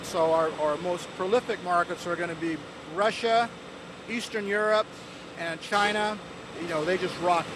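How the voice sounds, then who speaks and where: A man with a high voice speaks upbeat and casually in a recorded news clip. Clear traffic and street noise runs behind him. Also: moderate pace.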